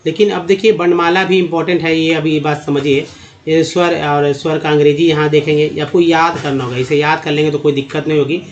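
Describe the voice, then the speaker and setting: A man's voice: fairly high pitch, little pitch movement, fairly quick. Hindi-speaking man teaching English sounds, lo-fi. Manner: addresses viewers as friends, repeats and drills sounds. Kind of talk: explaining to viewers. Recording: dull lo-fi sound.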